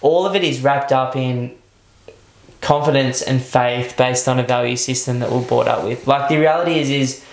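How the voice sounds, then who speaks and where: A man's voice: medium pitch, moderate pace, vocal fry. A man who hosts a podcast and speaks bluntly in casual conversation, sometimes swearing. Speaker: podcast host. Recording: roomy echo.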